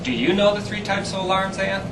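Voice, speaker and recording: A man's voice: high-pitched, brisk, echoey room, far from the mic, very noisy. A man presenting scripted safety training as host, with an earnest, formal delivery.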